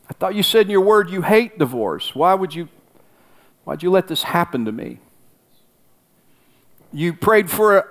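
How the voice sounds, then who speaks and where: A man preaching a sermon, acting out anguished prayers in a raised voice. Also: a little high. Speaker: pastor.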